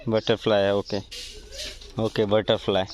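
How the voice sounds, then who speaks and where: A man's voice: lowish voice, flat delivery, measured pace, noisy background. A man vlogging outdoors in a village near water, chatting casually and teasing on a handheld phone. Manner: playful, teasing. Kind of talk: casual vlog chat.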